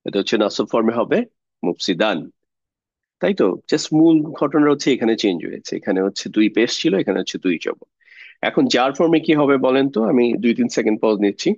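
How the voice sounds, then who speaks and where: A man's voice: medium pitch, expressive, fast, darkish tone, no echo, dull audio. A man teaching an online Arabic grammar class, explaining patiently step by step and mixing English words into his speech.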